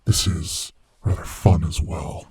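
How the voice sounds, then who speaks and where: Acted by a man, this monster from under the bed has a very deep, dark voice and speaks in a slow, heavily breathy rasp with a steady tone. In a heavily acted horror ASMR roleplay, he taunts and savors his prey with playful, sadistic menace, often dropping toward a whisper, and the mood is taunting and menacing.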